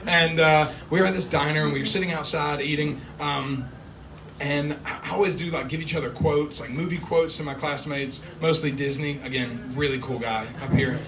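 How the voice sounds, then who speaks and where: A man's voice: on the high side, fairly even intonation, moderate pace. A young man doing a self-deprecating stand-up set on a small club stage, acting out voices. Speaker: stand-up comedian. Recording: distant mic, loud crowd laughter.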